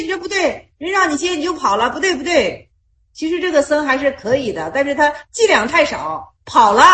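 High-voiced woman teaching Zen stories. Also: fairly bright tone. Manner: repeats herself, asks rhetorical questions, retells stories in plain speech. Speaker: Buddhist study leader. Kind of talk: teaching Zen koans in casual group study.

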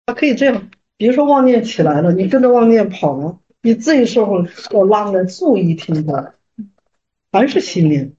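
A woman guiding a group meditation session, answering questions in a brisk, reassuring way and often repeating herself. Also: mid-range voice, big pitch swings, dark tone, muffled recording, slight background noise.

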